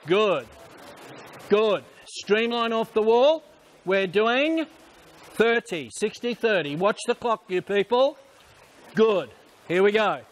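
An older man coaches a swim squad in a high-pitched, projected voice. He speaks slowly, in short repeated commands and counts, as a swim coach does from the poolside. The indoor pool around him is clearly noisy. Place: large indoor swimming pool.

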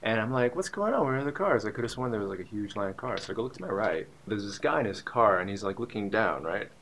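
Rambling young man with a gravelly voice. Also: on the low side, quick pace, a bit bright, slight background noise. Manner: rambling, musing, lots of fillers and asides. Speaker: vlogger. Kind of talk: casual storytelling monologue.

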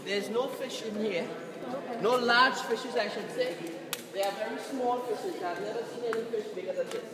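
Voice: medium pitch, normal speed, crowd noise. A tour guide leading a group through a cave, giving instructions and repeating directions, recorded from a visitor's camera. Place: inside a dark cave. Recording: echoey cave from far off.

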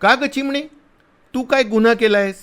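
A man playing a big, rough soldier who is blustering but kind, talking loudly in a scolding, teasing way. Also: very high-pitched, normal speed, pitched above the performer's own voice.

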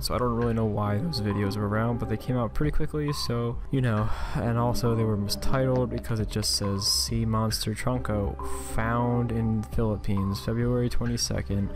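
A man with a slightly low, very creaky voice hosts a casual online commentary. He talks in loose, rambling asides. Music is clearly heard behind his voice. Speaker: YouTube channel host. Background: background music.

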